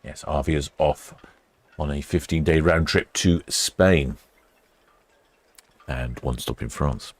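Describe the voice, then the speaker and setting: Low voiced bloke doing casual ship spotting livestream, chatty, kinda thinking out loud. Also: male voice, takes it slowly, long pauses, no room sound. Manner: chatty, musing aloud. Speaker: livestream host.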